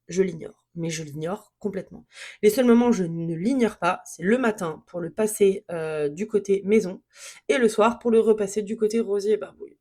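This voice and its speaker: With a fairly low, darkish voice, a woman records a candid solo podcast episode about her pony on her own. She speaks frankly and from the heart, circling back over the same points as she processes how she feels.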